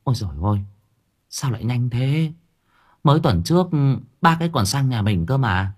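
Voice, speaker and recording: A man voicing a kindly middle-aged village mother who speaks softly and lamentingly. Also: medium pitch, expressive, normal speed, close to an everyday voice. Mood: shocked. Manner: soothing, lamenting.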